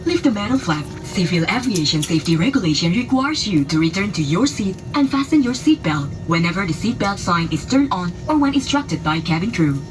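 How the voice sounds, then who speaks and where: Lady doing a flight safety demo, formal instructions, pretty melodic up and down delivery, music playing behind. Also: medium pitch. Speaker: flight attendant announcer.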